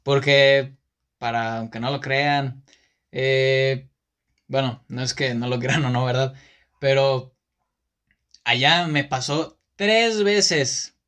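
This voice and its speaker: A man's voice: medium pitch, fairly even intonation, slow, long pauses, fairly bright tone. A man with a Mexican Spanish accent talks through a casual podcast monologue. He rambles along, often stopping to correct himself and filling the gaps with "eh" and "pues". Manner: rambling, self-correcting with many fillers. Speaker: podcast host.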